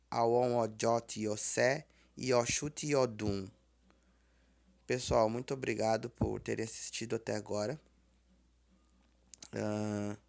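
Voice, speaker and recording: A man teaching a language lesson, repeating words slowly and patiently and explaining their tones. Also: medium pitch, gravelly, darkish tone. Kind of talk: slow spoken language lesson.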